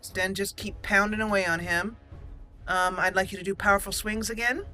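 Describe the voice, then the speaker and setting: A woman running a gaming channel chats excitedly through her gameplay, exclaiming and talking to the characters as if roleplaying with them. Her mid-range voice is steady, bright and pushed, at normal speed, with game music playing behind her.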